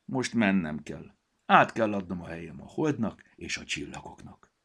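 A man voicing a caring little sun who speaks gently and soothingly. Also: sits low, big pitch swings, breathy edge, heavily acted.

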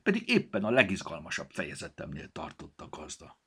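A man voicing a huffy, excitable talking book that talks eagerly. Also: very deep voice, creaky, breathy edge, full character voice. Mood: huffy excited. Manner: offended, then eager.

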